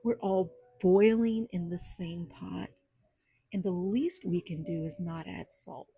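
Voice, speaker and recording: Woman podcast host, dark mellow voice, slow sassy storytelling, dry close sound. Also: on the low side, gravelly, breathy edge, no room sound, poor audio. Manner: animated, sassy storyteller with faith talk. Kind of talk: storytelling monologue. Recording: soft jazz music behind.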